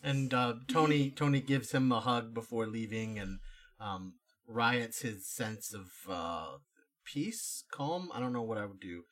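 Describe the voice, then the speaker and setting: A man's voice: medium pitch, unhurried, a bit bright. A man playing a tabletop game, casually narrating his character's moves and thinking aloud. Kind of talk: casual role-play narration.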